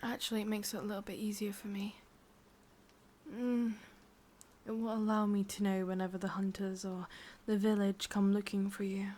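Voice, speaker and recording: A woman with an English accent playing an ancient, lovelorn witch in an ASMR roleplay, speaking intimately in soft, breathy whispers with musing pauses. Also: mid-range voice, little pitch movement, close to an everyday voice. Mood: musing, guarded.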